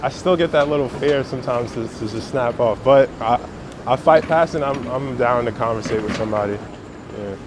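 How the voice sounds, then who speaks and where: A Brooklyn man being interviewed as a photographer chats casually and slangily outdoors on city streets. His voice is medium-pitched and fairly quick, and the recording is clear with traffic noise around him.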